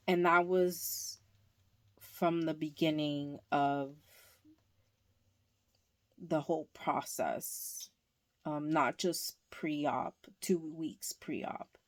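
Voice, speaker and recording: A woman talking candidly in a casual home vlog, hesitant and pausing often. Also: sits low. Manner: candid, slow and hesitant with many pauses. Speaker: vlogger. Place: indoors at home, under a blanket.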